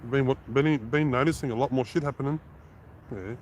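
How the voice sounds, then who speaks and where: A man's voice: medium pitch, a little fast, a little mellow, lo-fi sound. Aussie bloke ranting on a street livestream, swears a lot, trips over his words, faint traffic behind him. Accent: Australian. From Australia. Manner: blunt and profane, rambling with restarts. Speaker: livestreaming auditor. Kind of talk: casual live-stream chat.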